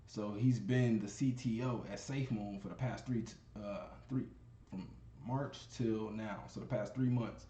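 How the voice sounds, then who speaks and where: A man talks loosely and conversationally, calling his listeners y'all and often asking "you know what I'm saying." His voice is dark and mellow. It sounds echoey, with faint noise in the room. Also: on the low side, steady tone, measured pace. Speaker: crypto video host. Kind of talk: casual screen-share commentary.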